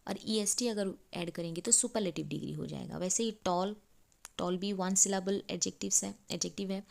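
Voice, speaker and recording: A woman's voice: lowish voice, vocal fry, darkish tone. A woman teaching grammar in Hindi, explaining step by step with rhetorical questions.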